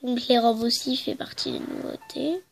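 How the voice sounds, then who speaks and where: Stuffed up from a cold, this young gaming host shows off her game in a loose walkthrough, hesitating and leaning on filler words. She speaks at a moderate pace in a slightly high voice that is creaky with a breathy edge.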